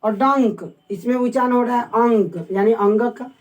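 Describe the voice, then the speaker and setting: A woman teaching a casual online lesson, asking the viewers questions and repeating words slowly to sound them out. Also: a little high, rough recording. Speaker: Hindi teacher.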